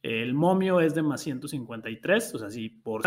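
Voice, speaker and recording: A man acting as a sports betting analyst, joining remotely, his voice breaking up and fading in and out over a choppy internet call as he explains odds in a steady, careful way. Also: medium pitch, moderate pace.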